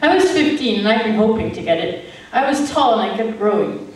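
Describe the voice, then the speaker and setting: A young woman performing a stage monologue, telling her story with lively delivery. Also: medium pitch, brisk, close to an everyday voice. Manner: lively storytelling, switching into quoted voices. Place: stage in a hall. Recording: echoey hall from far off, faint noise.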